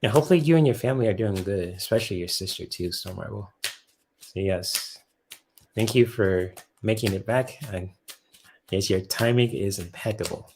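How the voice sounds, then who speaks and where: A deep-voiced man hosts a tarot reading live stream in a loose, chatty way. He laughs often, swears casually and repeats himself as he talks to his viewers. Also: moderate pace, noisy background.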